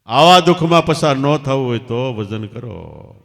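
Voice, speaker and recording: A man giving a devotional storytelling sermon as a spiritual teacher, swinging sharply between loud and soft. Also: mid-range voice, lively intonation, a little slow, creaky. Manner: emphatic, rising and falling sharply in loudness. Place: large hall at night satsang. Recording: long hall reverb.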